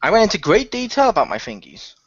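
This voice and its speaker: A man from an audio drama's cast chats casually, teasing the others and laughing a lot. His high voice swoops wildly in pitch, fast and slightly rough, with no room sound on the dull, dry lo-fi recording.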